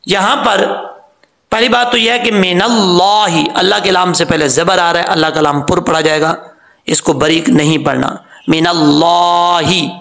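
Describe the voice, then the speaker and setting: A man teaching Quran pronunciation, who explains a rule and then stretches out each sound slowly to model it. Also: high-pitched, fairly even intonation, fairly bright tone, reverberant. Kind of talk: tajweed lesson.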